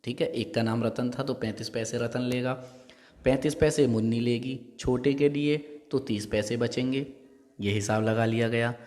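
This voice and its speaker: A male teacher reading a Hindi story aloud and explaining it line by line, stopping to ask his class quick checking questions. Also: medium pitch, fairly even intonation, a little mellow. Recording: long hall-like reverb.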